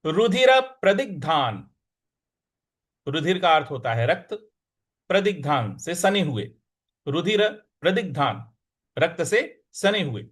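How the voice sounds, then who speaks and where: A man teaching verse pronunciation, breaking words into syllables and chanting the lines in a sung tone. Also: on the high side. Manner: slow, syllable-by-syllable pronunciation drills. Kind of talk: Sanskrit recitation lesson.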